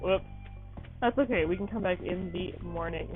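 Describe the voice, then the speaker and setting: A woman's voice: fairly low pitch, normal speed. Tired woman, rambling game commentary, apologetic, chatty, tinny phone-like sound, faint music behind. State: tired, yawning. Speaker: gaming channel host. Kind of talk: casual let's-play commentary.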